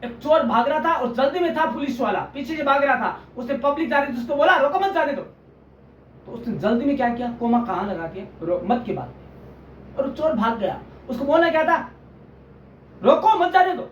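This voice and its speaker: A man gives an animated lecture on journalism, his voice rising and falling widely as he drives points home with homely examples. He sounds set back from the mic in a roomy space, with a dull, lo-fi tone and faint hiss behind him. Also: very high voice, brisk, distant mic. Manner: explains with homely examples, often calls listeners friends. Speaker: journalism teacher. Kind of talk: online lecture.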